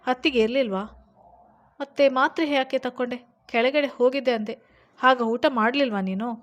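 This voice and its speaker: A woman's voice: high voice, normal speed, dull audio, voice pushed up, natural voice. A woman voicing a protective young husband who questions his sick wife firmly and scolds her. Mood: scolding.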